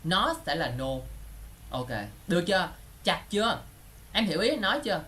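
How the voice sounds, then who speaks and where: A man's voice: high-pitched, sing-song, bright, forceful tone. A man teaching an English exam class, constantly checking that his students are following. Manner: keeps checking students follow with quick questions. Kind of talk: lively online class teaching.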